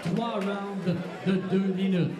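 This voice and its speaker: A man with a Quebec French accent announcing boxers as a ring announcer, loud and showy, stretching out names. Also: sits high, fairly even intonation, takes it slowly. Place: boxing gala venue, over a PA. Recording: echoey hall PA with music and crowd.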